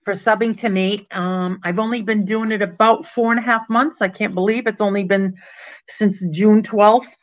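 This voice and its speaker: Over a computer webcam, a woman in her sixties chats at a moderate pace with medium pitch and fairly even intonation while hosting a casual live-stream auction. She thanks viewers by name from a small room at home, and the audio is dull and lo-fi.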